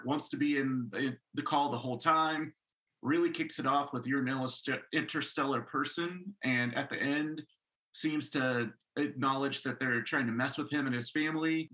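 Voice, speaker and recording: A man's voice: medium pitch, pushed and bright, low-quality recording. A man co-hosting a podcast, recounting a paranormal mystery in casual, rambling chat full of fillers. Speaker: podcast co-host.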